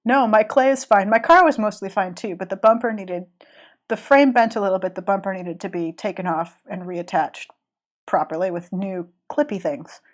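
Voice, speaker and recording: Medium in pitch and normal in speed, a woman with a cold talks casually while drawing on a live stream. Her chat rambles, and she keeps restarting her sentences.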